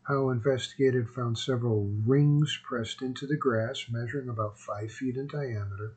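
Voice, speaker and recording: A man's voice: medium pitch, steady tone, moderate pace, a little mellow, husky, poor audio. A man narrating a homemade explainer in an informal, rambling way, his words slurred by missing teeth. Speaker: host of a self-made video series. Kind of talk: casual narrated explainer, partly reading aloud.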